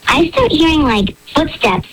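A woman's voice: sits high, sing-song, measured pace, rough recording. A woman calling a radio show, her voice run through a voice changer, telling a story casually with lots of "like" and some rambling. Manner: rambling, hesitant, nervous laughs. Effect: voice changer disguising her voice. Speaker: caller confessing on a radio show. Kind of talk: casual storytelling, heavy use of "like".

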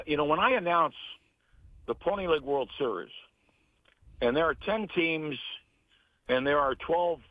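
Heard through a tinny phone line, an earnest American sports announcer and broadcasting teacher, middle-aged or older, stresses his points by repeating phrases in a conversational interview. His voice is a little high, and the recording is dry.

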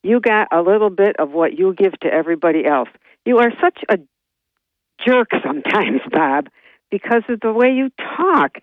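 A woman's voice: mid-range voice, lively intonation, moderate pace, dry recording. A woman calls in to a radio show over a landline phone, and her voice comes through tinny and narrow. The sound is dry and close, with no room around it. She talks bluntly and teasingly, stumbling over fillers. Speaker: caller. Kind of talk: call-in radio chat.

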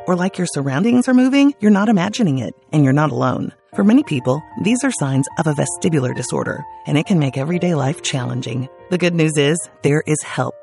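A man's voice: on the high side, creaky, a little mellow. A man reading a scripted radio ad in a reassuring tone. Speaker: announcer.

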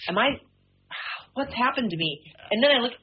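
A woman's voice: on the high side, lively intonation, moderate pace, breathy edge. A woman about sixty, a regular radio guest telling rambling stories in casual chat. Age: 60s. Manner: rambling storytelling with restarts and acted-out quotes. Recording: slightly dull radio sound.

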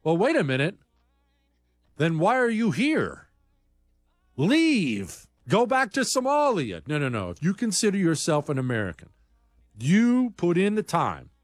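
A man's voice: sits high, wildly swooping pitch, unhurried, dry recording, studio quality. A man hosting a talk show, delivering a blunt, combative monologue full of rambling asides. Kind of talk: opinionated radio-style monologue.

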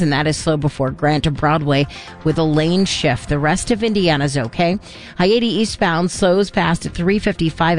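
A woman reading a radio traffic report in a loud, dense, rapid-fire delivery. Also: sits low.

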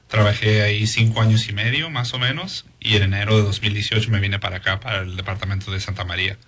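Bright-voiced hesitant Mexican-born man. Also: on the low side, steady tone, fast talker, a little hiss or hum. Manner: hesitant, many fillers and restarts. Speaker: police sergeant, guest. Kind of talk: interview answers.

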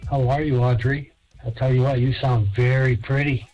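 A man's voice: mid-range voice, level tone, normal speed, lo-fi sound, soft background music. A man leaving a rambling, awkwardly flirtatious phone voicemail, played back. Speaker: voicemail caller.

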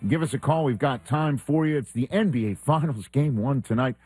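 A man's voice: medium pitch, fairly quick, darkish tone, breathy edge, no echo, soft background music. A middle-aged man hosting a sports talk show in a studio, chatty and laughing often, with plenty of ums and uhs. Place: radio studio.

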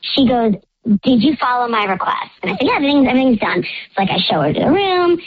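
High woman through a voice changer. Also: very animated, fast talker, dry recording, narrow, tinny audio. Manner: chatty, fills speech with "like". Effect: voice changer disguising her voice. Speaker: caller confessing a secret on a radio show. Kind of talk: telling a personal story.

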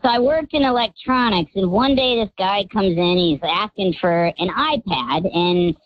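A man's voice: high voice, normal speed, dull audio. A man calling in to a talk show with his voice disguised by a voice changer, telling a story in a casual, rambling way with many fillers. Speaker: caller.

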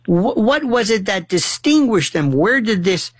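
A male radio host in casual conversation, talking with lively curiosity and firing off question after question. He circles back and restarts his sentences as he thinks aloud. His voice sits dry and close, with no room sound around it. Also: high-pitched, measured pace, slightly rough, no room sound. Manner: animated, probing questions with frequent restarts.

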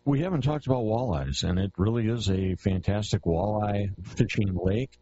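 Taped off the radio onto dull lo-fi tape with a faint hiss, this outdoors show host asks friendly, straightforward interview questions. He speaks at a normal speed in a fairly low, dark voice.

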